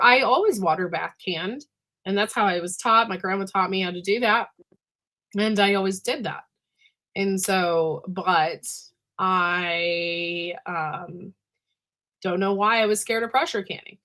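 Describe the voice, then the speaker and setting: A woman with a hoarse, smoker-like rasp and a voice that is giving out, chatting casually as host of a livestream and often clearing her throat. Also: medium pitch, pushed and bright. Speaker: host of a live canning chat.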